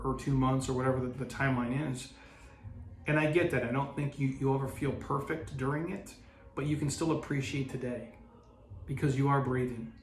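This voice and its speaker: A man hosting a motivational podcast, talking earnestly and casually, with restarts and some swearing. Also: mid-range voice. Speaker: podcast host. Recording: roomy echo, faint background noise.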